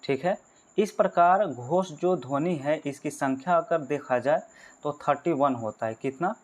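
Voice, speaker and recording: A man with a fairly high voice teaches a grammar lesson for exam candidates. He goes through each point step by step, puts questions to his listeners and then answers them himself. He calls the viewers friends. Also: measured pace. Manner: explains step by step, repeats key points, asks and answers his own questions.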